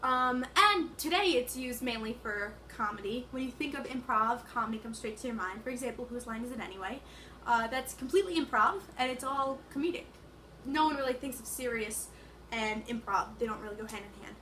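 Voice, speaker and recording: A woman's voice: a little high, a little fast, pushed and bright, a little hiss or hum. A young woman giving a casual, hesitant class presentation, with many fillers. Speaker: student presenter.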